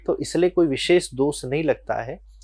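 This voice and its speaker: A man's voice: a little high, moderate pace, a little mellow, husky, no room sound. A man working as a spiritual teacher, patiently explaining worship rules in an interview and weaving in devotional stories.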